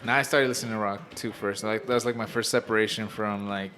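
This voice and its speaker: A man in his late twenties on a casual podcast, making dry, low-key remarks. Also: steady tone, quick pace, sharp tone. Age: 20s. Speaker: podcast co-host.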